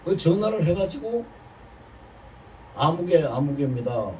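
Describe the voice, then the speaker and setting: A man's voice: a little high, big pitch swings, a little slow, darkish tone. A pastor in his seventies giving a sermon, telling a personal story in an earnest, confessional way. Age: 70s. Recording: distant mic, faint noise.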